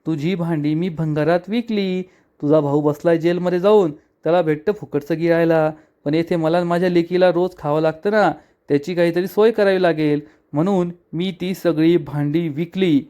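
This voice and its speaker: A man voicing a sharp-tongued sister-in-law who taunts and scolds, retold in a serial recap. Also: a little high, steady tone, normal speed, clear, resonant tone, close to an everyday voice. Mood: scolding.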